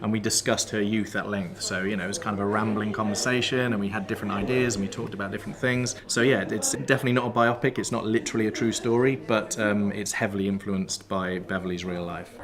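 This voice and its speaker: A man from South Wales, a writer and director, explaining his work in a festival interview in a measured way, pausing often. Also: fairly low pitch, flat delivery, a crowd in the background. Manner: measured, explanatory, pauses with fillers.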